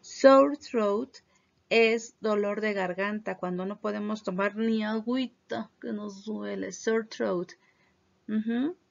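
Woman, primary English teacher, slow drill delivery, gravelly tone, muffled lo-fi audio. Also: mid-range voice. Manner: slow, careful pronunciation of English words with Spanish glosses. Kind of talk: online class review, bilingual vocabulary drill. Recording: dull lo-fi recording.

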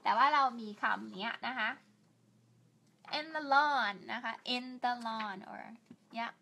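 In this bilingual online English lesson, the teacher is a young woman whose voice sits on the high side and sounds gravelly and sharp. Her English words come out slow and drawn-out, punctuated by repeated Thai polite particles. She keeps things chatty and pokes fun at herself, inviting viewers to help her out.

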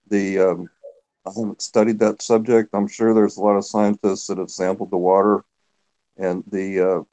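Low, mellow-voiced man explaining calmly. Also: rough recording. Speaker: guest, former geologist. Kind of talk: explaining on a video call.

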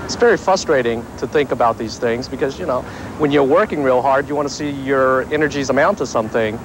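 A man's voice: medium pitch, fairly quick. A man talking casually in an unscripted street interview. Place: outdoors in the street. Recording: outdoor street interview with clear noise.

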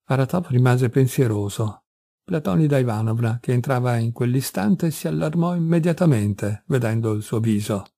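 A male audiobook reader narrating a classic tale in a measured, steady way. His voice is mellow and dark at a middling pitch. The recording is close and dry, with no room sound. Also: gravelly, no echo. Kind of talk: scripted narration.

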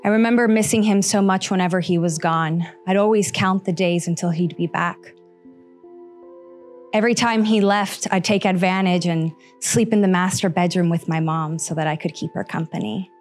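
A woman's voice: fairly low pitch, fairly even intonation. Woman in her 30s, heartfelt stage monologue, handheld mic, faint music underneath. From Costa Rica. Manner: slow, earnest, heartfelt delivery with pauses. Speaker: storyteller on stage. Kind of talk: personal story monologue. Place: small stage in front of seated audience.

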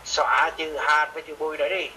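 In a remote software lesson, a man with a fairly high, bright, steady voice teaches a student music software, talking fast. He gives patient, repetitive step-by-step instructions, and the poor audio carries faint background noise.

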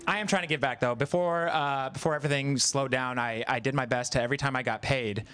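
A man's voice: mid-range voice, fast talker, fairly bright tone. A man in his thirties performing stand-up comedy on stage, chatty and self-deprecating, acting out quoted voices. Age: 30s. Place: live comedy venue with audience.

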